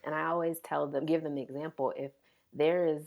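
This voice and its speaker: A woman's voice: sits low, steady tone, brisk, creaky, darkish tone. A woman in her thirties, a pediatric physical therapist, speaking earnestly as a guest in a podcast interview.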